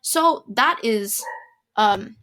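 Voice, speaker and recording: A woman's voice: a little high, animated, very slow, fairly bright tone. A young woman hosting her own podcast, chatting alone in a rambling, opinionated way with lots of restarts and fillers. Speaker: podcast host. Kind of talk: solo casual podcast chat.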